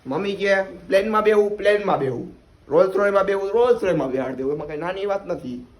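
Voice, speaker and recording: A man's voice: high-pitched, quick pace, rough recording. A young man with a Gujarati accent, chatting casually to viewers in a vlog. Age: young adult. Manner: chatty, addresses viewers as guys. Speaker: vlogger.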